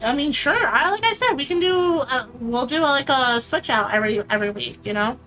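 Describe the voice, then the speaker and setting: Bright-voiced woman co-hosting a stream. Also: high-pitched, expressive, a little fast, faint music behind. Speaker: stream co-host. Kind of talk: casual stream chat.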